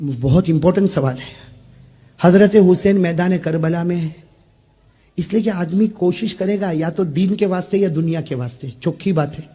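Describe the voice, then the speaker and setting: High-pitched man preaching a fiery sermon. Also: moderate pace, slightly rough. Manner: swings from low confiding talk to high shouted peaks, questions the crowd. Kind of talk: impassioned sermon.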